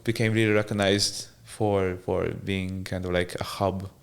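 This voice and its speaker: A low-voiced man speaks flatly at a moderate pace as a podcast guest. He tells stories from his own life in a laid-back, rambling way, often restarting and laughing easily, in a casual interview setting.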